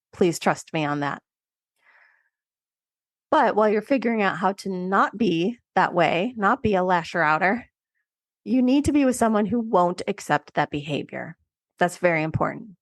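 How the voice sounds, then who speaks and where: A woman's voice: lowish voice, gravelly, no echo, studio quality. A woman co-hosting a podcast, giving direct, conversational relationship advice with emphatic asides. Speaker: podcast co-host. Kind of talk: solo relationship advice segment.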